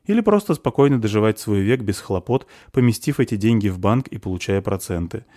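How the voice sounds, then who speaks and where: A man's voice: fairly low pitch, expressive, a little fast, mellow, close to an everyday voice. A man voicing an impulsive, guilt-ridden young man who speaks in an agitated, remorseful way in an audiobook. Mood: troubled.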